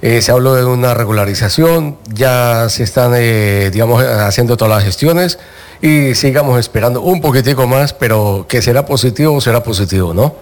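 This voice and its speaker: A man's voice: medium pitch, normal speed. A man hosting a radio show in an effusive, upbeat way, chatting with listeners and a guest. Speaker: radio host. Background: music.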